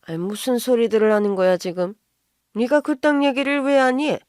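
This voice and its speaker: A woman voicing a bossy, rude middle-aged mother-in-law who yells and scolds. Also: mid-range voice, moderate pace, no room sound, studio quality, lightly acted. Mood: flustered. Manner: shouting, scolding, contemptuous.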